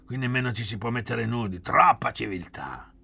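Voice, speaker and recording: A man's voice: mid-range voice, normal speed, creaky, pushed and bright, husky, pitched above the performer's own voice, heavily acted. A man doing a sneering young provocateur. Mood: mocking. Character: young man, mocking and restless. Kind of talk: audiobook reading.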